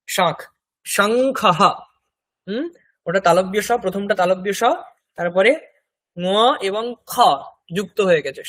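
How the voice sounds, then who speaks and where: High-voiced Bengali man teaching Sanskrit. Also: fairly bright tone, no echo. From India. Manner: patient, spells words letter by letter, repeats slowly. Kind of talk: classroom language lesson.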